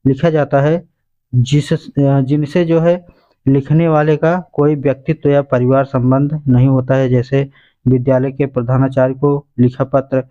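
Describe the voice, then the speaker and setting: A man's voice: medium pitch, dark tone, muffled recording. A male teacher going through exam questions and answers point by point, calling his listeners friends. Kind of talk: exam revision lesson.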